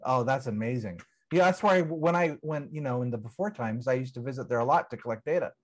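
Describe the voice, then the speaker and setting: A man hosting a podcast in casual conversation, playful and quick to laugh, wandering off on tangents. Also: mid-range voice, lively intonation. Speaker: podcast host.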